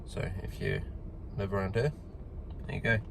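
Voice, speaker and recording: A man's voice: on the low side, normal speed, creaky. A man vlogging casually, musing and explaining things in a conversational way. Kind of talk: casual chat to camera. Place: inside a car out running errands. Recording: noisy car, road and engine noise.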